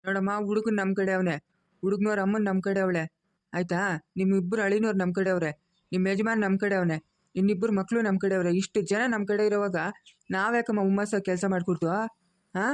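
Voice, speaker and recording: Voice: medium pitch, fairly even intonation, fast, close to an everyday voice. A performer voicing a stern elderly grandfather in a cartoon family drama, scolding and commanding.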